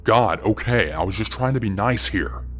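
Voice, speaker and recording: A pushy, creepy stalker in a storytelling video, as a male narrator puts him on, with a deep voice that has a slightly different tone from the narrator's own. He mumbles, plays wounded and offended, and won't leave his target alone. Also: normal speed, faint music behind, close to an everyday voice. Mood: fake-hurt. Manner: mumbling, feigning hurt.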